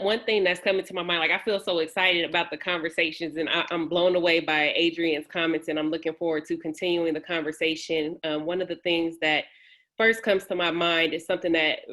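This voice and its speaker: A woman's voice: sits low, a bit bright. A woman from San Francisco, speaking as a panelist on a video call in an earnest, personal way.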